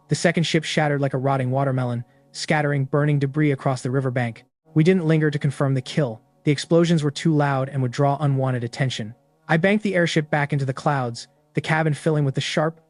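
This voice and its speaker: A man narrating a story recap in the first person, in a steady, matter-of-fact way. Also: medium pitch, no echo.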